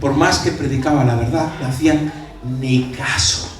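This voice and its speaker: An older man preaching a sermon as a pastor, telling a story with lively voices for the people he quotes. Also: mid-range voice, normal speed. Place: church hall. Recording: echoey church from far off.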